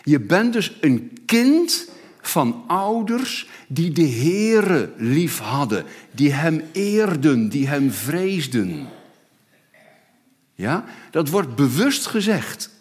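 A man's voice: fairly high pitch, big pitch swings, very slow, breathy edge. A middle-aged man preaching a sermon in a dramatic, emphatic way, acting out the people he talks about. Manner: dramatic, emphatic, acts out voices. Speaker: pastor.

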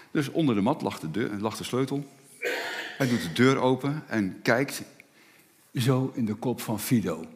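A Dutch man preaching a sermon, telling a funny story with animated delivery. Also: mid-range voice. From Netherlands. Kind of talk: sermon with a told joke. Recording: long reverb in a church hall.

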